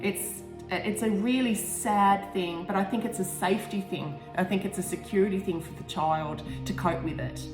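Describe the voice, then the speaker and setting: A Tasmanian woman in her forties, speaking with an Australian accent at medium pitch and a moderate pace with few pauses, reads from and talks about her own book. She chats casually and candidly about her writing, often rambling and cutting herself off. The room echoes noticeably, and music plays in the background.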